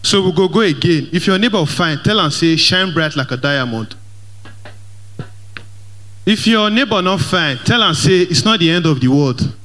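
A young, slightly high-voiced comedian with a Nigerian Pidgin accent performs lively stand-up on a large church hall stage at a normal speed. Using a handheld microphone, he addresses the audience directly and blends Pidgin with English.

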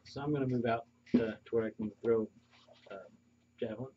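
A man playing a tabletop game, speaking quietly and hesitantly, away from the mic. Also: medium pitch, fairly even intonation, fairly quick. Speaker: player. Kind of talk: casual tabletop game play. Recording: distant lo-fi recording, loud hiss.

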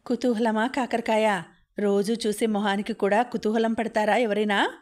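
A woman voicing a feisty, sharp-tongued rich young woman who scorns and threatens, in a storybook reading. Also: mid-range voice, flat delivery, normal speed, lightly acted. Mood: scornful.

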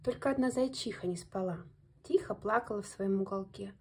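A woman reading a bedtime fairy tale aloud in an expressive, gentle storytelling manner. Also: medium pitch, a little fast.

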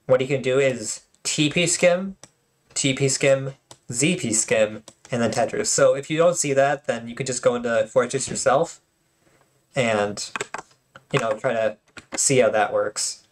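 Tournament replays get a casual, joking treatment from this channel host, who speaks in a medium pitch at a measured pace. He rambles chattily, with many fillers and restarts.

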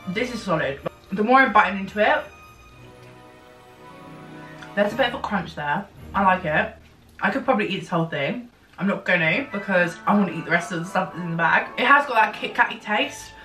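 A woman's voice: medium pitch, expressive, quick pace, pushed and bright. A British woman vlogger chatting casually about snacks as she talks with her mouth full, chewing, in a rambling, self-correcting way. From United Kingdom. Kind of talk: casual snack tasting vlog. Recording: echoey room, heard from a distance, with faint music.

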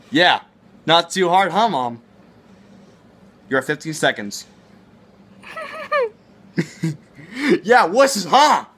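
A young man with a high, bright voice hosts a casual vlog from a living room. His delivery is excitable and teasing, with pitch that jumps around a lot. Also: slow, pauses often, a little hiss or hum. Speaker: vlogger hosting a challenge video. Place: living room indoors at home. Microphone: handheld camera at arm's length.

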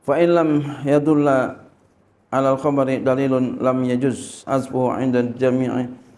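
A man's voice: mid-range voice, little pitch movement, measured pace, a little mellow, roomy sound. A male Islamic teacher teaching a religious lesson. He reads Arabic text, translates it and asks rhetorical questions.

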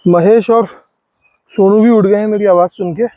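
A vlogger in his forties chats casually with viewers and friends while camping by a river in a forest, narrating his trip. He records on a phone camera held close, so the audio is narrow and tinny with no echo. His voice is high-pitched and steady, at normal speed.

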